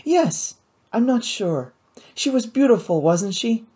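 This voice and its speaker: A woman reading an audiobook, voicing an eager, impulsive young woman scientist with animated enthusiasm. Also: a little high, slow, voice pushed up. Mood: wistful.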